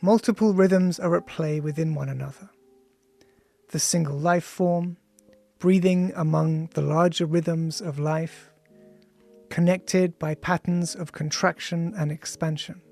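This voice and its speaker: An author reads his own audiobook in a high, noticeably creaky voice, measured and contemplative, pausing deliberately between phrases. His intonation is fairly even and a little mellow, with music playing behind him in the studio recording.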